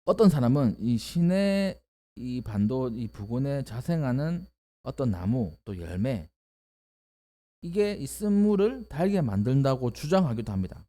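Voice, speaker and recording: A male pastor delivering a sermon in an expressive, emphatic way, often rising into exclamations. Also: mid-range voice, measured pace.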